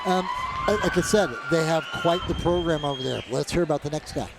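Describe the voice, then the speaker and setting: A man's voice: on the high side, brisk, creaky, very noisy. A man doing live kickboxing commentary in a conversational manner. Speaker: fight commentator. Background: loud music and crowd.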